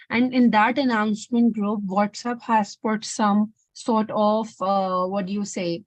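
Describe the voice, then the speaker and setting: A woman's voice: a little high, dry recording, poor audio. A woman hosting an online volunteer coordination call over a video call, talking casually with many fillers and restarts. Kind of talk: casual online meeting talk.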